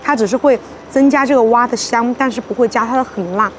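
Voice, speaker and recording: Young female mukbang host, slightly high voice, playful and exclamatory, casual chat, outdoor street table with faint background noise. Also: quick pace. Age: young adult. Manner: playful, exclamatory, talks while eating. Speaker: food vlogger and host.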